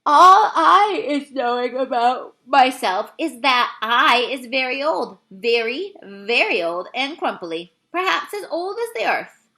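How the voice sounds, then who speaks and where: A woman voicing a very old, friendly male giant from a children's storybook, excitable and easily forlorn, with muddled grammar and invented words. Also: high-pitched, takes it slowly, full character voice. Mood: matter-of-fact.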